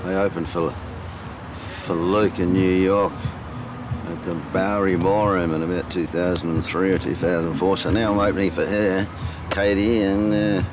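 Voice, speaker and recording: A man's voice: sits low, level tone, moderate pace. A man in his seventies from New Zealand, a singer-songwriter chatting casually and telling easygoing, self-deprecating stories about his music. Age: 70s. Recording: echoey, with music behind.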